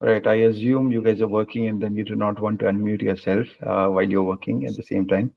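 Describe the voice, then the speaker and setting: Gravelly man hosting a webinar call. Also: fairly low pitch, quick pace. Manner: relaxed, many fillers, hesitant phrasing. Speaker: webinar host. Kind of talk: casual webinar Q&A and wrap-up. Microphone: video call. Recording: muffled video-call audio.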